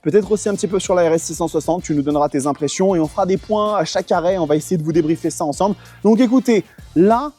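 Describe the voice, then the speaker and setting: A man's voice: high voice, quick pace, mellow, husky, faint music behind. A young man hosting a casual motorcycle travel vlog, chatty and full of fillers. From Portugal. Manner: chatty, lots of fillers and thanks to sponsors. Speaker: motorcycle vlogger.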